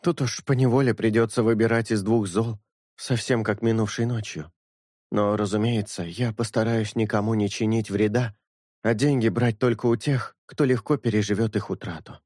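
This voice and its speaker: A man reading an audiobook, voicing an earnest young priest who speaks in a measured, sincere way. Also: on the low side, fairly even intonation, a little mellow, no room sound, clean studio sound, natural voice. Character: earnest young male priest, calm and honest.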